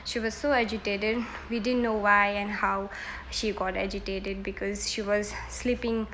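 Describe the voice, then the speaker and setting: A woman's voice: mid-range voice, little pitch movement, measured pace, a bit bright, slight background noise, poor audio. A woman, giving earnest, hesitant answers in a mock job interview. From Nepal. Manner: earnest, hesitant, self-correcting.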